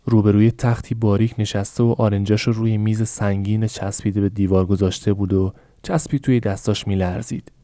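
A man narrating a novel for a podcast in a calm, measured reading. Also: fairly low pitch, no room sound, clean studio sound. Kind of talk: scripted audiobook narration.

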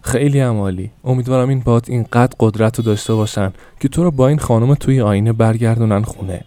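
A man voicing a gentle, persuasive young shopkeeper in an audiobook, soothing and coaxing as he sells. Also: mid-range voice, natural voice. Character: gentle persuasive young male shop salesman.

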